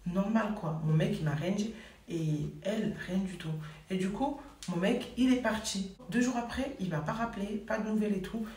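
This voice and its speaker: A woman's voice: mid-range voice, moderate pace, darkish tone, recorded from a distance. Chatty woman telling a story in an echoey room. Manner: chatty, many fillers and "et tout". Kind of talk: casual personal storytelling.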